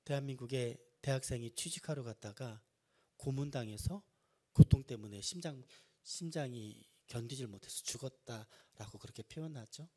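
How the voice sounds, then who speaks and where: A man's voice: mid-range voice, moderate pace, mellow. A male pastor preaching a Sunday sermon, building emphasis and asking the congregation rhetorical questions. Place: church sanctuary.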